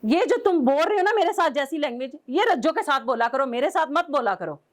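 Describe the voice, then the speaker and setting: High-voiced scolding woman. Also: expressive, brisk. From Pakistan. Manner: scolding, indignant, pleading. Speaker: caller, estranged wife. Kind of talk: angry phone call to husband.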